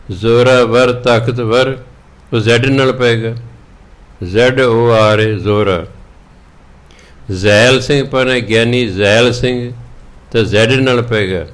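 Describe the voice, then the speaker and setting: A man preaching a Sikh scripture sermon with a Punjabi accent, chanting verses slowly and then explaining them in plain talk. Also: mid-range voice, steady tone.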